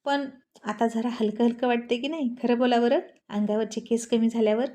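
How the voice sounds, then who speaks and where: A woman's voice: on the high side, fairly even intonation, fairly quick, warm tone, natural voice. A woman voicing a teasing, cheeky young wife. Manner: teasing, playful and bossy. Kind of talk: storybook voice acting.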